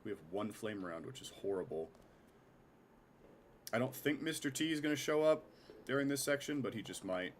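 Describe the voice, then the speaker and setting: A man's voice: mid-range voice, lively intonation, normal speed, long pauses. A man streaming a game with casual live commentary, chatty and self-mocking with some swearing, his voice nasal and his throat scratchy from a cold.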